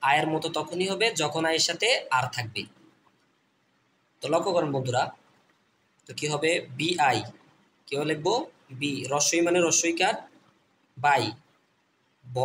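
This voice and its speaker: A man with a slightly high voice gives a phonics lesson. He sounds out letters one by one and repeats them patiently, speaking to the viewers as friends. A faint hiss sits under his voice. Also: moderate pace, pauses often, fairly bright tone. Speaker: online teacher.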